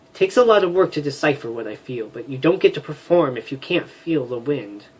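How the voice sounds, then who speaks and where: A man's voice: mid-range voice, animated, brisk, darkish tone, slightly rough. A man voicing a proud, mystical winged female warrior in a game, speaking in lofty, solemn pronouncements.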